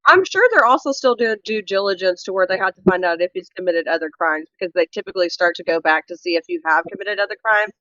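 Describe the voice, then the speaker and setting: A woman's voice: lowish voice, animated, fast talker, hardly any pauses, bright, forceful tone, no echo, lo-fi sound. A woman guest co-host in a casual true crime chat, emphatic and opinionated, rambling through her points.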